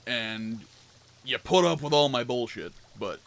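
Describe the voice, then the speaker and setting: A man's voice: mid-range voice, expressive, measured pace, fairly bright tone. Rambling, self-mocking male gamer. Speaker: gamer playing a detective game. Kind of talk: let's-play commentary.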